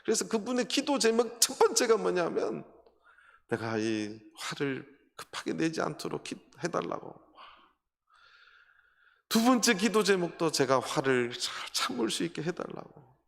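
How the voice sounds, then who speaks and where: A man's voice: high-pitched, very animated, a little slow, gravelly, fairly bright tone. A man preaching a sermon as a pastor, telling a story and putting rhetorical questions to the congregation. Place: church sanctuary. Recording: long hall reverb.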